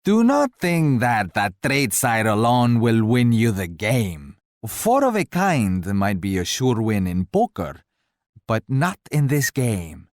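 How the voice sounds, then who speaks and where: A male actor playing an arrogant, mocking Portuguese royal conqueror in a video game, speaking in a haughty, theatrical, deliberate way. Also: medium pitch, big pitch swings, dry recording, clean studio sound. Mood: boastful. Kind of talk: scripted video game taunts.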